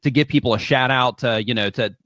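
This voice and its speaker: A man co-hosting a talk show, speaking haltingly and repeating words. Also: medium pitch, a bit bright, dry recording, studio quality.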